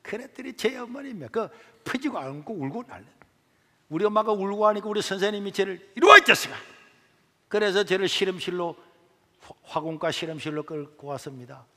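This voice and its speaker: Gyeongsang pastor, animated storyteller, high-pitched, preaching in a long-echo church. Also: male voice, brisk. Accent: Gyeongsang Korean. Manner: animated storytelling, acting out dialogue. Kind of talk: testimony sermon.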